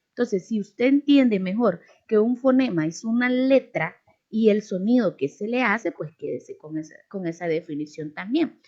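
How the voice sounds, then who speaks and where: A woman's voice: mid-range voice, lo-fi sound. A woman teaching a language lesson over a video, patiently spelling out letters and sounds one by one.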